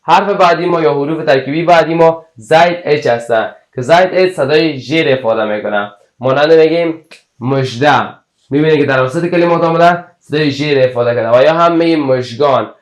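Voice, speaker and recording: A man with an Afghan Dari accent teaches English spelling, carefully repeating each example word and then giving its meaning. His voice sits a little high, and the room around him rings with echo. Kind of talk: explaining English letter combinations.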